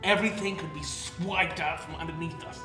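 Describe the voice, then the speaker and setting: Guy playing wary brawler knight, blunt short lines, sorta high voice, roomy echo. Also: fairly even intonation, fairly quick, natural voice. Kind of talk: loose improvised medieval role-play. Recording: echoey room, music over the talk.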